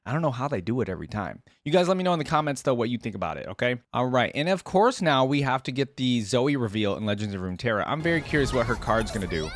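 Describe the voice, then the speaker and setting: With a sing-song medium-pitched voice, this video host talks quickly and hardly pauses. He reacts with casual enthusiasm, speaking conversationally to his viewers and calling them "guys." Music runs under his voice.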